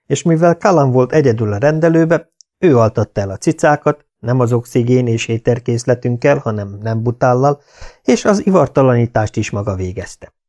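A man narrating an audiobook in a measured, even storytelling manner. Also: medium pitch.

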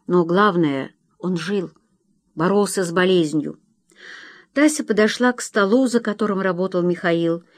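A man reading an audiobook in a measured, expressive narration style, close to the microphone. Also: high-pitched, dry recording. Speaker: audiobook reader. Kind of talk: scripted narration.

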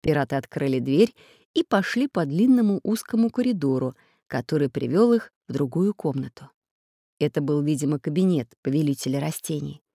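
A woman narrating a children's storybook in a lively, expressive way. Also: low voice, dry recording, clean studio sound. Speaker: audiobook narrator.

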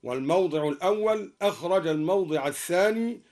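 Male recitation teacher, high voice, measured scholarly explainer. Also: animated, darkish tone. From Egypt. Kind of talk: explaining recitation rules with chanted examples.

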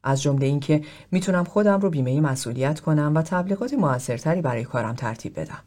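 A man's voice: fairly high pitch, expressive, darkish tone. A man reading the part of an aloof philosopher who talks in a formal, blunt, lecturing way.

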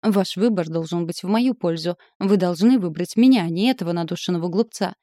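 A woman's voice: fairly low pitch, brisk, no room sound, clean studio sound, natural voice. A woman reading the lines of an arrogant, passionate young man who boasts and threatens, in an audiobook. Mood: boastful. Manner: boastful, hoarse, forceful declarations. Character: passionate, arrogant young male suitor, turning menacing.

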